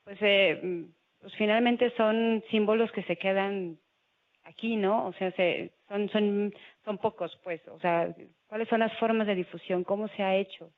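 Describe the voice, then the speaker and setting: A man's voice: high voice, steady tone, measured pace. A man asking a question at a panel talk, hesitant and searching for words. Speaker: audience member asking a question. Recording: tinny phone-like audio.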